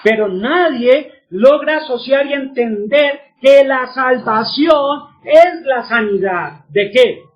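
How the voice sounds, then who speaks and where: A man with a notably high voice gives a religious teaching, pausing to quiz his audience and then supplying the answers himself. The recording is dull and lo-fi. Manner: asks the audience questions and answers them himself.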